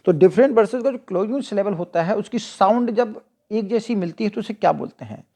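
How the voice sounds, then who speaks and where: A teacher with an Indian accent explaining exam questions. The teacher reads each English question slowly, asks it back to the listener and then answers it. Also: mid-range voice, expressive, mellow. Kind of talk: explaining multiple-choice questions.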